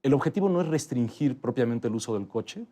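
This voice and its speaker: A man, a guest in an interview, explaining transport policy in a steady, methodical way. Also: medium pitch, brisk. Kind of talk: interview answers.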